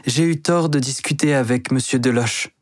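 A man voicing a young woman shop clerk who speaks softly but firmly, his voice raised in pitch. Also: moderate pace, no room sound, clean studio sound, close to an everyday voice. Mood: gentle firm.

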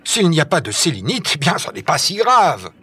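A man's voice: fairly high pitch, wildly swooping pitch, moderate pace, bright, forceful tone, slight background noise, pitched above the performer's own voice, exaggerated voice. A man voicing a stern male expedition leader in a storybook reading, firm and emphatic.

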